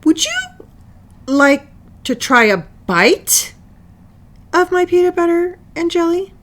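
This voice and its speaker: A sensitive, earnest little girl from a picture book, acted by a woman reader. Her voice sits high and swings expressively, with words stretched out slowly. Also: sing-song, heavily acted. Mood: shy, hopeful. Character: Lily, young schoolgirl, sensitive, earnest, easily offended. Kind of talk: animated picture-book character reading.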